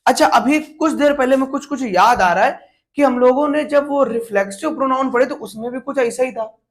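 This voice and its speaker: A woman's voice: high-pitched, fairly quick. A woman teacher explaining a grammar lesson to exam students, repeating points and asking rhetorical questions.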